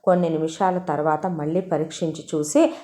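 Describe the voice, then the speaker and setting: A woman reading a story aloud in steady, expressive narration. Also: low-pitched, a little fast.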